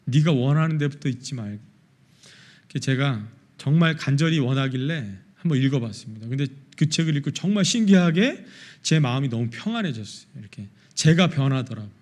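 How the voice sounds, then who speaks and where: A pastor preaching a sermon, asking the congregation questions and acting out prayers and quarrels in quoted voices. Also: male voice, medium pitch, lively intonation, brisk, a little mellow. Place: church worship service.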